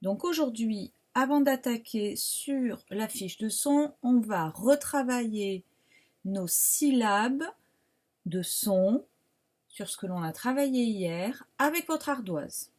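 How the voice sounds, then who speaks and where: A woman primary school teacher with a French accent, giving a slow, patient syllable dictation in a remote phonics lesson, sounding out each syllable carefully. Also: a little high, lively intonation, a little mellow.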